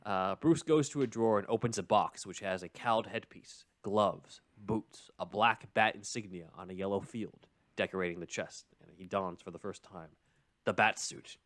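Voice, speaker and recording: A podcast host with a voice on the low side and a bit bright speaks at normal speed. He explains a film's story in casual chat, with the analytical, enthusiastic manner of a fan and plenty of asides.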